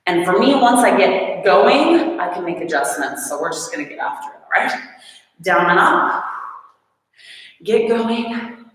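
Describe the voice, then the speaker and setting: A female fitness instructor runs a live workout class, cheerfully coaching, counting reps out loud, and joking about how hard she's working. Her voice sits at a medium pitch with lively intonation, a slightly slow delivery, and long pauses. The room is echoey, with a long reverb tail.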